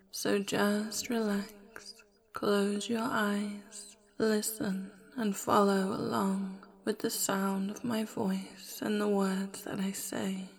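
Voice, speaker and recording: A young woman whispering a hypnosis roleplay slowly and softly, in a commanding, possessive way. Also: medium pitch, vocal fry. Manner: slow, soft, hypnotic whisper.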